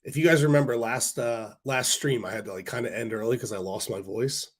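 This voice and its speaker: This stock stream host has a mid-range voice and talks a little fast. He's casual and hoarse with a cold, answering viewers' comments in a rambling way full of fillers and false starts.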